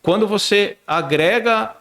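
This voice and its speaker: A middle-aged man appears as a guest on a business podcast, explaining things in casual chat and often repeating words as he searches for the next one. His voice sits high, a little slow, with a sharp tone.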